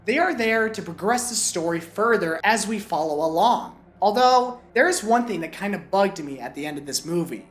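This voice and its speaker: A woman's voice: medium pitch, animated, moderate pace, hardly any pauses. A woman reviewing a film in a scripted video, her voice still recovering from a cold, with playful jokey asides. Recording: echoey room with music.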